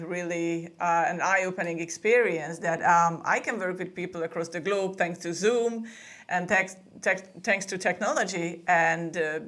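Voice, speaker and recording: A woman speaks in a fairly low voice. She talks in a chatty, easygoing way, often restarting her phrases. She sounds like a guest on a remote interview. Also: a bit bright. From Hungary. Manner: chatty, with frequent laughs and restarts. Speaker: podcast booking agency co-owner, guest. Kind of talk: casual interview conversation.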